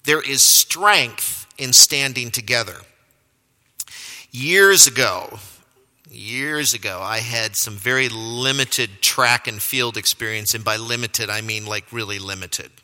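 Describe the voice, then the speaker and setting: Preaching at a measured pace with few pauses, a man with a steady, sharp, medium-pitched voice tells a personal story that pokes fun at himself, laughing along. A large hall's long reverb surrounds the recording.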